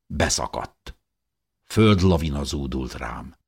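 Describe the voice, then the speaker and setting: A man narrates a story in the first person with an expressive, dramatic reading. His voice is very low and somewhat husky. His pitch rises and falls widely as he tells it. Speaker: audiobook narrator.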